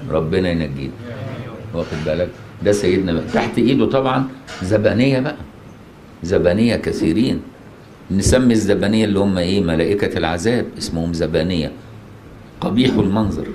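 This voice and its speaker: A man with an Egyptian Arabic accent gives a religious lesson in plain colloquial speech, stopping to question his listeners and make sure they follow. His voice is lowish and a little mellow, with mosque echo and faint noise in the recording.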